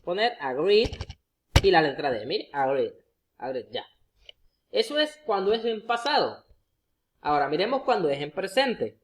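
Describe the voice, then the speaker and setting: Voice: medium pitch, very animated, normal speed, long pauses, a little hiss or hum. A Spanish-speaking teacher explaining English verb endings step by step, repeating every example word and often addressing the viewer directly. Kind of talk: explaining grammar rules to students.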